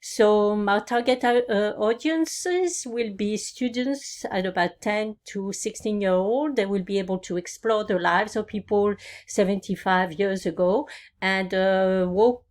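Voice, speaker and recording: A woman from France gives an informal project presentation in a halting, hesitant way, with many pauses. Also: medium pitch, a little mellow. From France (Normandy).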